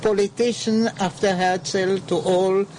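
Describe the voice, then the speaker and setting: An older woman from Israel, an interview guest recalling her family history in halting English, searching for words. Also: medium pitch, steady tone, darkish tone, a little hiss or hum. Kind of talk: unscripted recollection.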